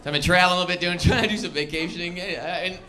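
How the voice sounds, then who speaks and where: A man's voice: high-pitched, racing. A man doing a stand-up comedy set, telling stories and acting out the people in them. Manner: animated storyteller, acts out characters. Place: comedy club stage. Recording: live club with crowd noise. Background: audience laughter and room noise.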